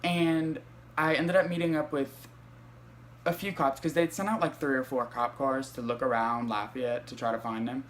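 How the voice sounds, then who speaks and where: A man's voice: medium pitch, moderate pace, a little hiss or hum. Light-voiced young man telling a profane story. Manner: animated, profane storytelling with many fillers. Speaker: vlogger. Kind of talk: storytime vlog.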